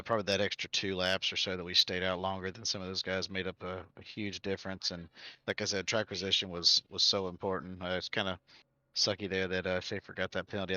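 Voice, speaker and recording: A man answering post-race questions as a driver, halting with many fillers. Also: low-pitched, bright, forceful tone, no echo, highs cut off.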